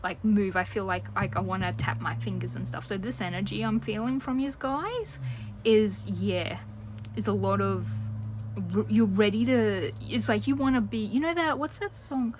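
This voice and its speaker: A woman giving a casual general tarot reading to her viewers, chatty and rambling, drifting now and then into soft whispers. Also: mid-range voice, moderate pace, background noise. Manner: chatty and rambling, talks a lot. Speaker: tarot reader.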